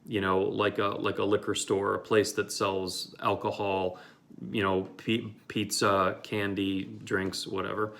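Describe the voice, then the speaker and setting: A man's voice: fairly low pitch, flat delivery, a little slow, gravelly, fairly bright tone. A man from Michigan telling a personal story casually, rambling with lots of fillers and restarts. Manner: rambling, many fillers and restarts, with acted-out quotes.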